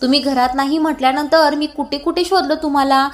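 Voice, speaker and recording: A woman voicing a frantic, angry young husband who scolds with rapid questions, in a retold serial scene. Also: high-pitched, close to an everyday voice. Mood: agitated, scolding.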